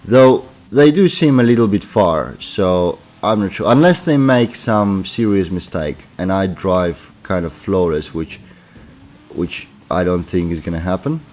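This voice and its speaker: A man, throat sore from a cold, plays a racing game and comments casually as he goes, thinking aloud with lots of fillers. His low-pitched, darkish voice is expressive, and his pace is a little slow.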